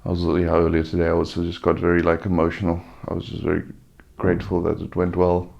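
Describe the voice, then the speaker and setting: A man giving a casual, unscripted personal update, sounding subdued and halting, weary and sore-throated after surgery, with a gravelly voice. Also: low voice, monotone, a little mellow, muffled recording. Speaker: vlogger giving a recovery update.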